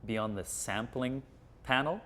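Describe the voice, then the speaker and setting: A man's voice: medium pitch, unhurried, bright, forceful tone. Man, cooking show host, jokey, chatty, enthusiastic. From Canada.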